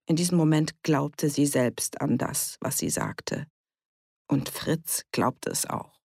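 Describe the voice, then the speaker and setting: A woman reading a novel aloud as an audiobook in a measured, expressive way. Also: low voice, vocal fry, husky, dry recording, studio quality. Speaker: audiobook reader. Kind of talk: literary audiobook narration.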